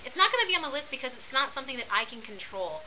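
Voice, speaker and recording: A woman in her late twenties, vlogging casually to her viewers in a bubbly, playful, animated way. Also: high-pitched, rapid-fire. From Puerto Rican heritage. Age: 20s. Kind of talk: casual vlog to camera. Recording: dull lo-fi webcam audio with faint hiss.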